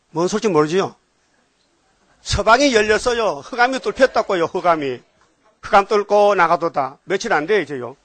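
A man with a Gyeongsang Korean accent preaching a sermon in a lively way, often firing questions at his congregation. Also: high-pitched, no room sound. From Gyeongsang region, Korea. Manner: animated, questions the congregation, jumps between topics. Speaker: pastor.

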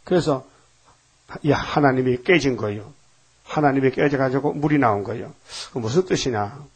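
A man's voice: medium pitch, normal speed, husky. A man preaching a sermon in a folksy, emphatic way, often putting rhetorical questions to the congregation.

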